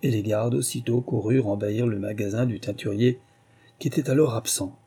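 A man narrating a classic tale in a measured, steady reading. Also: fairly low pitch, breathy edge. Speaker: audiobook narrator. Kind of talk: storybook narration.

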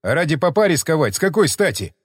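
A man voicing a cynical, callous frontiersman in a storybook reading, gruff and dismissive. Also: fairly high pitch, big pitch swings, fast talker, dry recording, clean studio sound. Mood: scornful.

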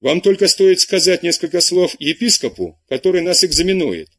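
Man voicing a pleading teen schoolboy in an audiobook, husky, lively pitch. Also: moderate pace, heavily acted. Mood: persuading. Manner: begging, apologetic. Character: pleading 17-year-old male pupil, timid.

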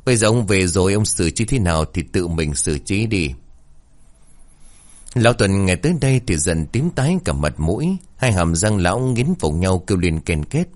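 Deep-voiced man narrating a horror tale. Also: a little mellow. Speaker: storyteller. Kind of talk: scripted horror story narration.

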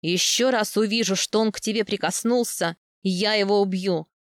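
A woman's voice: mid-range voice, moderate pace, no room sound, studio quality, close to an everyday voice. A woman voicing a proud possessive steppe husband. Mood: stern. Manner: curt, through gritted teeth.

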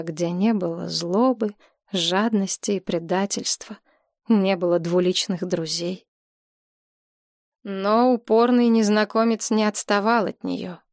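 A woman reading an audiobook as narrator, in steady, even storytelling. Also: mid-range voice, no echo, clean studio sound. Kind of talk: scripted narration.

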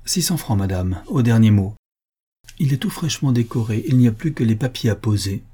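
A man's voice: mid-range voice, animated, fairly quick, warm tone, slightly rough. A man voicing a talkative male concierge who is deferential and emphatic, eager to reassure his listener. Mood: obliging.

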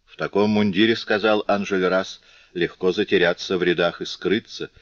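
A man's voice: deep voice, steady tone, normal speed, no room sound, close to an everyday voice. A man voicing a stern, commanding male revolutionary leader, firm and authoritative, in a dull, lo-fi recording.

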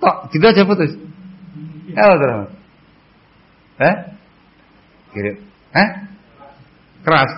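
A man teaching a hadith book in a mosque, chatting with his audience and quizzing them, and chanting the Arabic passages louder. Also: fairly high pitch, very animated, takes it slowly, long pauses, highs cut off. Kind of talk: mosque study lecture.

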